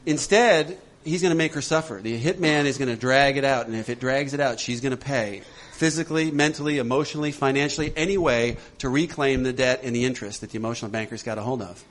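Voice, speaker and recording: A man leading a recovery workshop for a group, animated and laughing often as he acts out voices. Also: medium pitch, fast, few pauses. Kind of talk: talk to a group.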